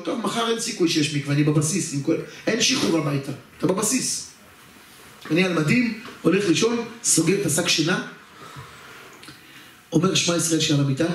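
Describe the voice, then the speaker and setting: High-voiced rabbi in a very echoey hall. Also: male voice. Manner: lively storyteller who addresses the audience directly and acts out scenes. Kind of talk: personal story told in a religious talk. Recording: very echoey hall, far from the mic.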